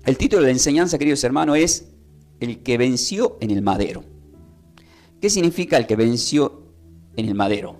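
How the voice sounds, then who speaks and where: A man's voice: mid-range voice, expressive, normal speed, long pauses, a little mellow, soft background music. A man from Tucumán with an Argentine accent, teaching a Bible class and having his listeners repeat his phrases. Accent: Argentine Spanish. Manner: prompts listeners to repeat after him, emphatic rises. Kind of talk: Bible class preaching with call and response.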